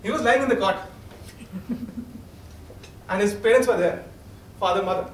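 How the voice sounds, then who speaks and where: High-voiced young Indian man, rehearsed theatrical speech. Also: normal speed. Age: young adult. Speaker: humorous speech contestant. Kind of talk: prepared humorous speech to an audience. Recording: roomy echo, distant mic, faint noise.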